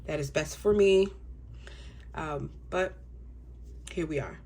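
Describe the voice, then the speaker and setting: Talking slowly in a low-sitting, congested voice, a young adult woman addresses viewers of her budgeting vlog. She's relaxed and chatty, with lots of ums.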